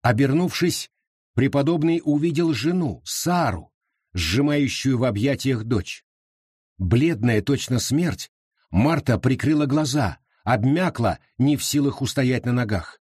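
A man narrating an audiobook with a dramatic, expressive reading. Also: medium pitch, measured pace, breathy edge, no echo, studio quality. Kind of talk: scripted narration.

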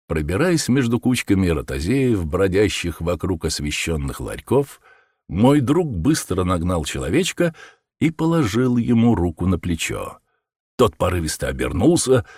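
A man narrating an audiobook in an expressive storytelling manner. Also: on the low side, slightly rough, no room sound, clean studio sound. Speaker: audiobook reader. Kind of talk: scripted narration.

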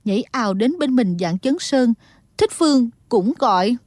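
A woman narrating a martial-arts novel in a steady, dramatic storytelling tone. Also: on the high side, moderate pace, no echo, clean studio sound. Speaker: audiobook narrator.

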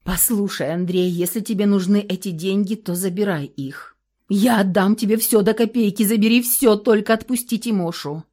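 A woman reads a tearful young wife in an audiobook. She pleads with a shaky voice, at a middle pitch. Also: moderate pace, dark tone, lightly acted. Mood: pleading. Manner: trembling, pleading. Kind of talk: audiobook character reading.

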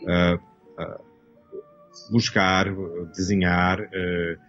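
A man's voice: low-pitched, level tone, drawn-out words, a bit bright, highs cut off, soft background music. A Canadian-born man in his fifties, a costume designer speaking as an interview guest, hesitant and searching for words with many restarts. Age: 50s. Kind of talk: casual interview talk.

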